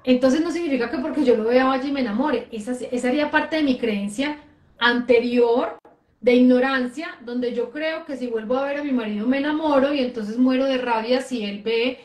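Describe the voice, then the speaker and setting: A woman's voice: high-pitched, normal speed, echoey room. A woman host talking casually about her relationships, telling personal anecdotes in a conversational way. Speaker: host, life coach. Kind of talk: casual chat.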